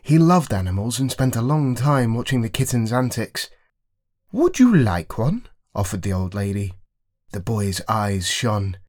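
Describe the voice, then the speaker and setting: A man reading children's stories aloud as an expressive narrator. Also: on the low side, moderate pace. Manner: expressive, lilting storyteller. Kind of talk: storybook read-aloud.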